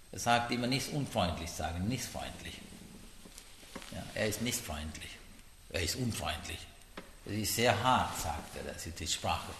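A man giving a Buddhist dharma talk, speaking haltingly in broken grammar and checking in with the listeners often. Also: mid-range voice, a bit bright, reverberant, long reverb tail, slight background noise. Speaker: Buddhist teacher.

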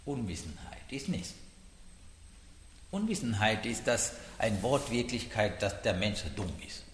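Man, Buddhist teacher, dharma talk, halting broken phrasing, animated pitch, roomy reverberant hall. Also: a little hiss or hum. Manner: halting, broken grammar, frequent "Ja?" check-ins.

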